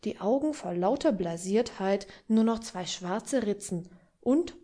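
A woman's voice: medium pitch, animated, a little slow, mellow. A woman voicing a sardonic, practical man in an audiobook reading, dry and mocking.

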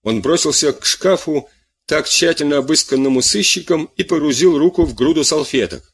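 A man reading a novel aloud in an expressive, theatrical narration. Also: a little high, a little fast, breathy edge. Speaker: audiobook reader. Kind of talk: audiobook narration.

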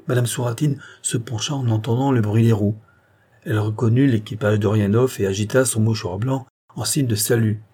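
A man narrating a classic novel in a measured, literary reading style. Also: fairly low pitch, dark tone, slightly rough. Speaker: audiobook narrator. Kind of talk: scripted narration.

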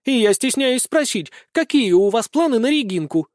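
Casting: a man doing a high, sharp-tongued rebellious young noble daughter, audiobook, dry booth sound. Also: expressive, moderate pace, no echo. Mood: indignant. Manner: sharp, sarcastic outbursts. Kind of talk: audiobook character voice.

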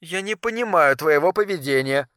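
A man softly doing a careful, hesitant young woman in a storybook reading, her voice a little lifted and hushed, on a dry close recording with no room around it. she holds back and answers in short, guarded lines. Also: high voice, expressive, normal speed, no echo. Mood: stern. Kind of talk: audiobook character voice.

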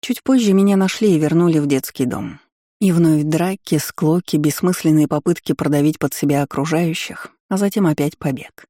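A man reading a first-person audiobook in measured, even storytelling. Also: on the high side, no echo, studio quality. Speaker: audiobook reader.

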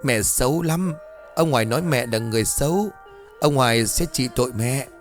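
A man's voice: mid-range voice, moderate pace, faint music behind, natural voice. A man voicing a small child in a horror story, with a raised childlike tone. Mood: tearful. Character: innocent little boy.

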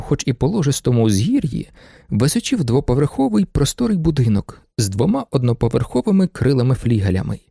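A man reading a classic novel aloud as an audiobook narrator, with expressive delivery. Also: medium pitch, creaky, slightly rough, dry recording, studio quality. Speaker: audiobook reader.

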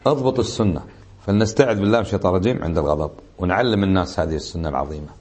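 Speaking very fast in a low, slightly rough voice, this Kuwaiti-accented sheikh teaches religion through animated stories. He performs the voices of those he quotes.

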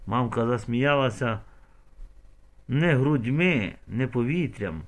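A man's voice: mid-range voice, animated, takes it slowly. A man reading a novel aloud as an audiobook, telling the story dramatically. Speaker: audiobook narrator. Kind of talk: audiobook narration.

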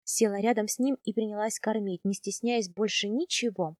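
A woman narrating a first-person novel as an audiobook, expressive and animated in the heroine's lines. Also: mid-range voice, normal speed, dry recording, studio quality.

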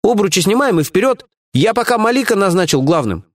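A man's voice: high-pitched, big pitch swings, fairly quick, pitched above the performer's own voice. A man doing a squealing, cowardly henchman. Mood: whining. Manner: wheedling, squealing, stammering. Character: cowardly male henchman, fawning and whining. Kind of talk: audiobook character voice.

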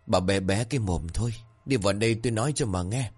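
A gruff, stern old countryman, voiced by the narrator in an audio story. His low voice scolds his wife firmly. Faint music sits underneath. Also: quick pace, darkish tone. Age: older. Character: stern old village husband, worried and gruff.

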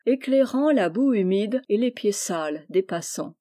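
A woman narrating a classic short story in a measured, expressive literary reading. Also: medium pitch.

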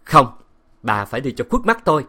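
A man playing a jealous, cruel husband who shouts harsh commands. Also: medium pitch, sing-song, a little fast, breathy edge, voice pushed up, full character voice. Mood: commanding.

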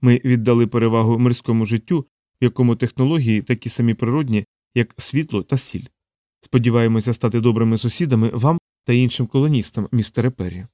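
A polite community leader who speaks with unhurried calm, as a man reads him. The voice stays near the narrator's own, even and courteous, in a dry close recording. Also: medium pitch, no room sound, natural voice.

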